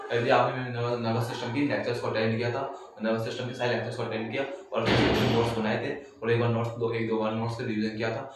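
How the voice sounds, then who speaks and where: Male teacher at a distance from the mic, lecturing in a boomy room with faint noise, drills points by asking questions. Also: heavy reverb. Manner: repeats points and quizzes listeners with questions. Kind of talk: recorded class lecture.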